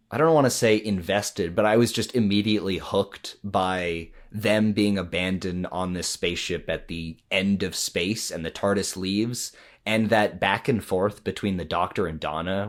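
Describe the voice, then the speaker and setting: Podcast co-host, casual chat, very low voice, agreeable, chimes in often.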